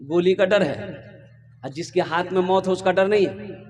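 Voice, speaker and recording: A man's voice: high-pitched, normal speed, darkish tone. A man preaching a sermon to a live gathering, chanting in a sing-song way and calling on the crowd to answer him back. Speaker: Islamic preacher. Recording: crowd noise behind the speaker.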